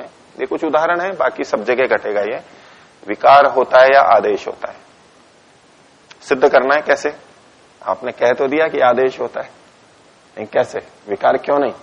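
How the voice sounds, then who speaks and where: Gravelly, husky male teacher, lo-fi. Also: medium pitch. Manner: reads Sanskrit lines aloud and explains each one in Hindi; dictates punctuation to the students. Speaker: teacher of philosophy texts. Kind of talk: classroom text lecture. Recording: dull lo-fi lecture recording.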